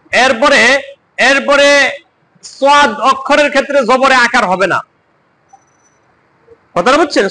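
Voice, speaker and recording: High bright teacher drilling a class. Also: male voice, rough recording. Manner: drills students with repeated questions and chanted answers. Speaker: Quran reading teacher. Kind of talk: call-and-response lesson.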